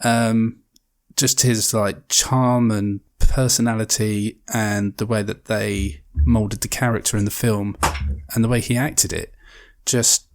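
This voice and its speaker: A man's voice: on the low side, little pitch movement, slow, hardly any pauses. A man co-hosting a podcast, talking about a film hesitantly, with many ums and repeated words. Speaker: podcast co-host. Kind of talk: casual film discussion.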